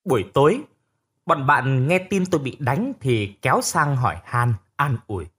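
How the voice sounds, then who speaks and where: A man narrating a first-person audiobook story in an expressive storytelling manner. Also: mid-range voice, normal speed, slightly rough.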